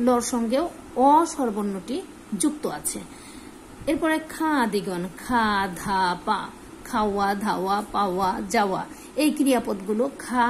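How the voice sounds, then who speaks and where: Patient female teacher explaining grammar, quizzing and answering herself, a little high-pitched, faint background hiss. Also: darkish tone, low-quality recording. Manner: patient, asks and answers her own questions. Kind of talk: classroom grammar lesson.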